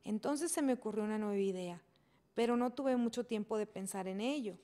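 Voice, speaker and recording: A woman's voice: mid-range voice, fairly quick, warm tone. Woman reading a storybook aloud. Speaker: reader.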